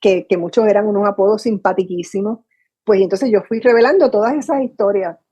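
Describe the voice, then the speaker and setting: Older Puerto Rican woman announcer, mellow and breathy, telling stories vividly over a video call. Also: mid-range voice, a little fast, dull audio. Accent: Puerto Rican Spanish. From Puerto Rico. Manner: animated storyteller, acts out her own past dialogue. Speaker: radio announcer guest. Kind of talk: storytelling interview. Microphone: video call from home.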